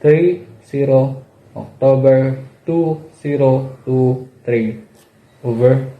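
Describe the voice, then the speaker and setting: A man's voice: mid-range voice, steady tone, takes it slowly, phone-quality sound. A man making scripted marine radio calls with formal procedure, spelling out numbers digit by digit. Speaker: ship radio operator in a practice exercise. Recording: echoey room with faint background noise.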